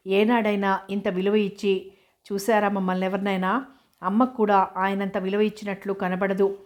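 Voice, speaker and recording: A woman's voice: mid-range voice, level tone, normal speed, close to an everyday voice. A woman reading the lines of a shy, anxious young woman who talks earnestly about her strict father. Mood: troubled.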